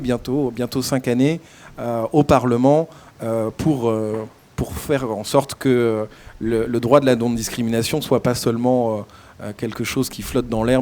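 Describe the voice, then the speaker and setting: Halting man introducing speakers. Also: medium pitch, darkish tone. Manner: halting, hesitant, broken into short phrases. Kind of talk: conference introduction, unscripted.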